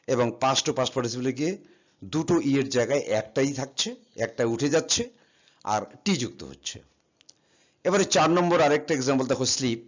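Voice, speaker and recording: A man teaching an English grammar lesson, patiently spelling words out letter by letter and asking and answering his own questions. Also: mid-range voice. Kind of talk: classroom lesson explaining verb forms. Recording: slightly dull, lo-fi sound.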